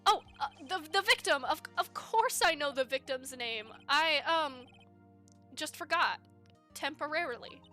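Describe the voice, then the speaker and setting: A woman's voice: sits high, animated, a little slow, sharp tone, faint music behind, exaggerated voice. A woman voicing a nervous young male defense lawyer in a game playthrough, stammering and hesitant.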